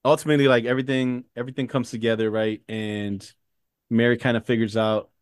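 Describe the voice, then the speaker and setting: A man's voice: medium pitch, flat delivery, brisk, clean tone, no echo, clean studio sound. A man co-hosting a movie podcast, rambling through casual chat with lots of fillers and casual swearing. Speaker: podcast co-host.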